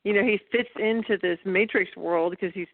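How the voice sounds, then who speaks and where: A woman's voice: mid-range voice, moderate pace, no echo. A woman co-hosting a casual film review podcast, speaking in a blunt, sardonic way. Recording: phone-like remote call line.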